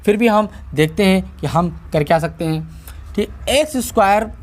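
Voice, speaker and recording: This male math tutor speaks at a moderate pace in a high-pitched voice with a Hindi-speaking North Indian accent. Throughout his lecture he asks and answers his own questions while checking on his students.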